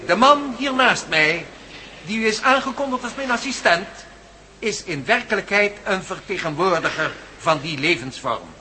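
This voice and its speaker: In a Dutch radio play, a man with a high-pitched, expressive voice plays an impassioned, determined professor championing a revolutionary theory. He declaims formally, emphatically and solemnly at a moderate pace, against a noisy background.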